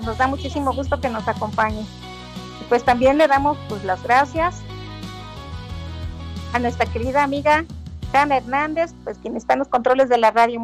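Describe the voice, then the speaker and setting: A woman hosting a community radio show, thanking guests and staff with many filler words. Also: sits high. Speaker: radio host.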